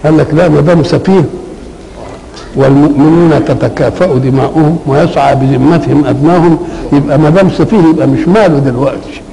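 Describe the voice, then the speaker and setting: An older man with an Egyptian Arabic accent, explaining Quranic verses in a conversational lecture, asking questions and answering them himself, slowing down to recite. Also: a little high, creaky, poor audio. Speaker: Quran commentator. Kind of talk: colloquial Quranic exegesis lecture.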